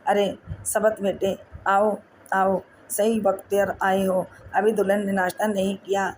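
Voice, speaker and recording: A woman's voice: medium pitch, flat delivery, darkish tone, a little hiss or hum, close to an everyday voice, rough recording. Tender old mother-in-law, read by a woman. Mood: doting. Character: affectionate older mother-in-law, gentle and doting.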